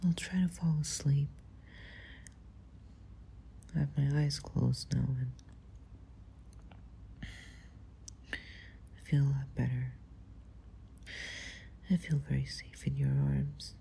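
Low, gravelly whispering young woman. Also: steady tone, slow, long pauses, slight background noise. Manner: soft, hesitant, often whispered. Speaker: ASMR roleplayer. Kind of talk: ASMR girlfriend roleplay. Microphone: close mic.

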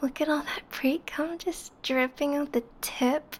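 A woman doing an ASMR role-play as an adoring, seductive lover, speaking slowly and intimately, close to the listener's ear. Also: high-pitched, steady tone, a little hiss or hum. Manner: slow, lingering delivery with pauses.

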